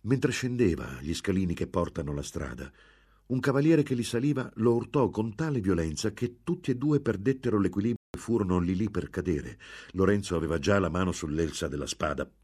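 A man's voice: expressive, fairly quick, darkish tone, slightly rough. A man reading a story aloud, giving each character a voice. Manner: voices each character with raised pitch and force. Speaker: narrator. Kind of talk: dramatic audiobook reading.

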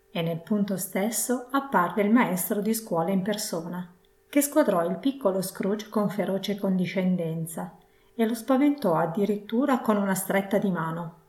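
A woman narrating a classic novel aloud in an expressive storytelling cadence. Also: mid-range voice. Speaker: audiobook narrator. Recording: roomy echo.

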